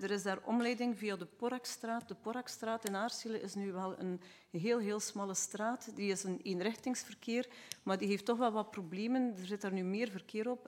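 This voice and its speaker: At a council meeting, a Flemish woman on the council poses questions, laying out local problems in earnest detail. Her mid-pitched voice holds a steady, even pace.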